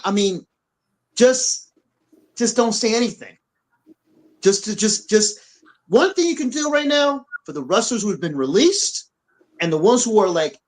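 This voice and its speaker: A man's voice: high-pitched, low-quality recording. A man co-hosting a podcast, ranting bluntly with repetition and swearing. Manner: blunt, repetitive, profane, animated. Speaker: podcast co-host. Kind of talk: heated opinion rant. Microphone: on camera.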